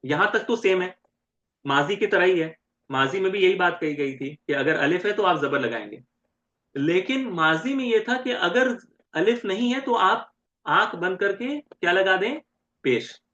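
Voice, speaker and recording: Male grammar teacher, fairly high and animated voice, drills syllables, keeps asking "right?", roomy dull lo-fi recording. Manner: keeps checking with "right?" and quizzing students; spells out syllables slowly and repeats them. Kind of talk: classroom lecture.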